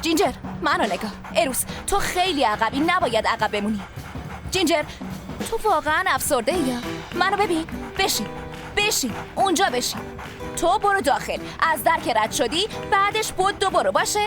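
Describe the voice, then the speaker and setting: A young woman dubbing a spirited heroine in a TV drama, talking quickly and emotionally, with a score behind. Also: high voice, animated, music in the background. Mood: urgent. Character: spirited young woman searching for her sister. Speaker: lead character. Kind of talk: dubbed TV drama.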